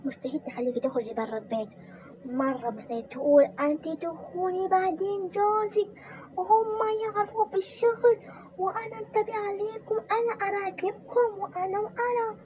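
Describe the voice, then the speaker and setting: A woman's voice: extremely high pitch, steady tone, a little fast, pitched above the performer's own voice. A woman voicing a weary young wife in a toy role-play drama, chatting and complaining about her in-laws. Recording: muffled with background noise.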